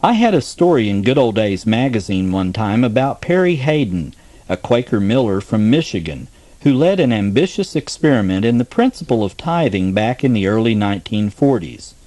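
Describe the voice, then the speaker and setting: A man introducing and reading a true story aloud, narrating with an expressive storytelling manner. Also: on the low side, moderate pace, no room sound. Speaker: narrator and editor.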